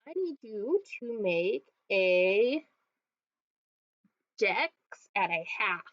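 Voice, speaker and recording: A woman's voice: mid-range voice, big pitch swings, extremely slow, no room sound. A woman running a tabletop game as game master, casually describing the action step by step. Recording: dull, dry lo-fi sound.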